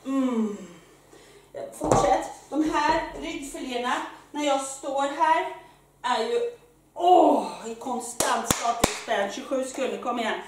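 Breathless high-voiced woman fitness coach. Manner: energetic, loud exclamations while exercising. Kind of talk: live workout instruction. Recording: very echoey room, mic far off, faint noise.

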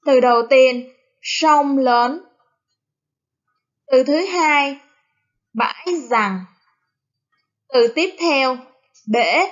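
A woman primary school teacher with a Southern Vietnamese accent, giving a recorded reading lesson in a slow, careful, over-articulated classroom manner. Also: high voice. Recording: dull lo-fi recording.

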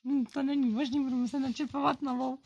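A scatterbrained female unicorn pony, as a girl puts her on rattles along in a very high, gravelly voice. She talks to herself in a muddled, babbling way as the kitchen goes wrong. It sounds like a home-made toy play. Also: little pitch movement, darkish tone, muffled recording, exaggerated voice. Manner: scattered, babbling, self-talking. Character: flustered female unicorn pony, chaotic cook.

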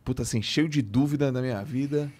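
Animated Brazilian man telling a story. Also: medium pitch, a little fast, breathy edge. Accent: Brazilian Portuguese. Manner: animated storyteller who acts out quoted dialogue. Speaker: podcast guest. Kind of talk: casual chat, storytelling.

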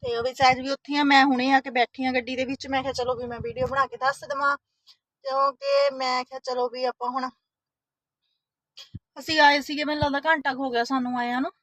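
High-voiced chatty mother vlogging. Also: little pitch movement, a little fast, fairly bright tone. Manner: chatty, keeps adding "isn't it" tags. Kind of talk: casual family vlog narration.

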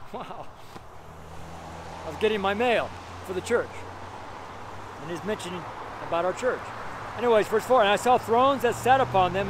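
A camera facing him at medium distance captures a middle-aged man preaching outdoors by a busy road, with traffic noise in the background, his voice sitting high. He lingers slowly and deliberately over scripture, repeats himself emphatically, and frequently tosses in "right?"

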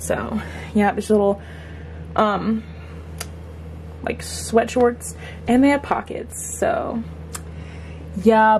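A woman's voice: mid-range voice, darkish tone, slight background noise. A young adult woman chatting casually to camera in a slangy, self-deprecating way as she vlogs. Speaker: vlogger. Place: small bedroom, car, gym locker room. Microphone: handheld camera at arm's length.

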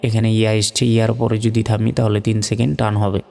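A man teaching Quran recitation step by step, spelling out letters and vowel marks, then chanting the words slowly and drawn out. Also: lowish voice, monotone, creaky, warm tone, in a large hall.

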